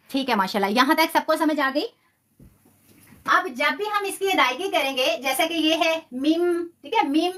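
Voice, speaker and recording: A woman teaching a live online Quran tajweed class, patiently repeating terms and slowly drawing out the sounds of examples, with English words mixed into her explanation. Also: high voice, fairly bright tone. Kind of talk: live-streamed online lesson.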